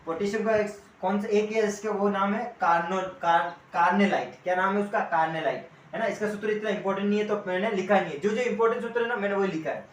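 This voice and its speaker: A man's voice: high-pitched, fast talker, few pauses. A man teaching an online coaching class in a chatty way, calling students by pet names and quizzing them as he goes. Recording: echoey room with faint ambient noise.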